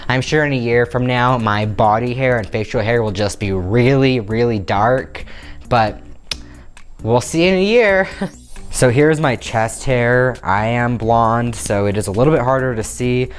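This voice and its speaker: In a small bedroom, a twenty-something vlogger speaks to camera through a lapel mic with a mid-range voice, a little slow. He comes across upbeat and candid, hands moving as he talks.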